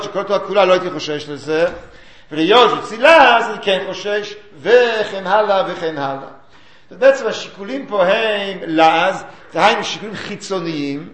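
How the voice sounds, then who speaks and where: A man's voice: high-pitched, fairly bright tone, echoey room. A man giving a Talmudic study lecture, explaining sources and chanting the quoted texts.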